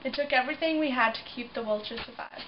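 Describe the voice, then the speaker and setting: A woman playing a young survivor of a prison camp, speaking in a solemn, measured way in a mock news interview. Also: high voice, natural voice. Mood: grave. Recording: dull distant recording with noise.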